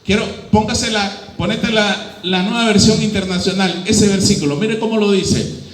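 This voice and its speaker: A Nicaraguan pastor preaching a lively sermon in a high, bright-edged voice. He keeps turning to the congregation with questions. His voice rings through an echoey church hall. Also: moderate pace. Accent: Nicaraguan Spanish.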